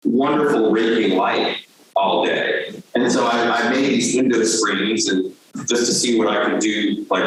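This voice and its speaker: A man's voice: on the low side, a bit bright. A man from Vermont giving a casual lecture about his painting, talking loosely with many "like" and "um" fillers. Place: lecture hall. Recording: very echoey hall, heard from far off.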